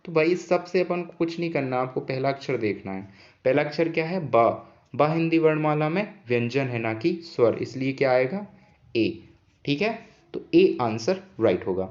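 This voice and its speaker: A patient man explains grammar to students at a calm, even pace, and he keeps asking questions and answering them himself. His voice sits in the middle range, and the recording sounds a little dull and lo-fi. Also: mid-range voice, normal speed. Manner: patient, repeats key points as questions. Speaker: teacher. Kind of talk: explaining an English grammar lesson.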